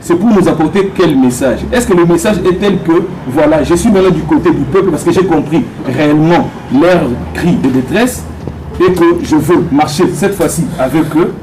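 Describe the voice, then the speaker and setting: Congolese man, soldier at a public meeting, insistent questioner, higher mellow voice. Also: moderate pace, slight background noise, poor audio. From Democratic Republic of the Congo.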